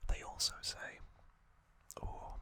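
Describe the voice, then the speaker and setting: Close to the microphone, a whispered trivia channel's host offers a gentle recap in short phrases. The ASMR whisper is soft, breathy, and mostly unvoiced, with pauses that linger.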